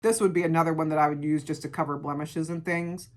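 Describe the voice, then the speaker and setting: A middle-aged woman with a gravelly voice, chatting casually through a beauty product review and repeating words for emphasis. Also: low-pitched, fairly even intonation, fast. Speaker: beauty vlogger.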